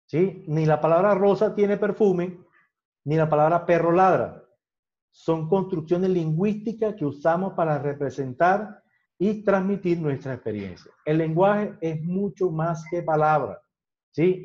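A man with a somewhat high voice runs a sales class, tagging nearly every point with a quick "ok?" to keep his students with him. The recording is muffled and lo-fi. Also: mellow. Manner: repeats "¿ok?" constantly, conversational teaching. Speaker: sales trainer. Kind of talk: lecturing a class. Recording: dull lo-fi sound.

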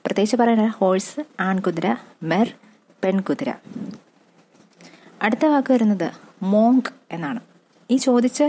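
A woman's voice: mid-range voice, mellow. Malayali woman tutor spelling out vocabulary. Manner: slow, spelling words out letter by letter and repeating them. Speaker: exam-prep English tutor. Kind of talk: classroom-style lesson.

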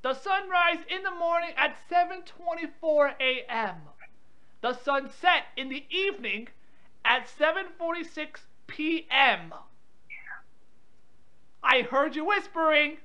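A woman taking part in a prank call banters irritably and confrontationally while reading out weather updates. Her voice sits high and sounds bright and forceful, and she speaks at a slow pace. The lo-fi phone audio is dull.

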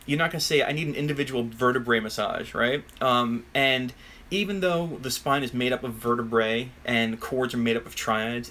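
Guy teaching guitar on a live stream, rambly and chatty, lots of ums, mid-pitched voice. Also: bright, forceful tone. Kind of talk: casual live-stream lesson. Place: home room full of guitars.

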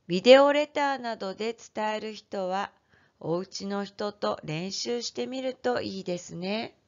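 A woman teacher giving an online lesson to first graders, speaking gently and clearly to young children. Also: medium pitch, a little slow, muffled recording. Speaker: elementary school teacher.

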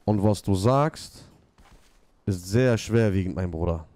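A man's voice: low-pitched, measured pace, a little mellow, no echo. A man in his thirties role-playing a gang boss in an online game, commanding and full of street slang, on a desk mic. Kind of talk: in-character gaming role-play talk. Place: small room at home, indoors. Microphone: desk mic near the mouth, with headset.

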